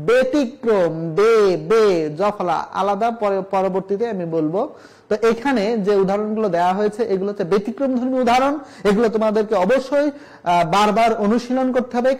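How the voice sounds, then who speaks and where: A man's voice: very high-pitched, a little mellow, rough recording. A man, a college Bengali lecturer, teaching pronunciation rules to students, repeating example words and asking rhetorical questions. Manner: addresses students directly, asks rhetorical questions. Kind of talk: recorded classroom lesson on pronunciation.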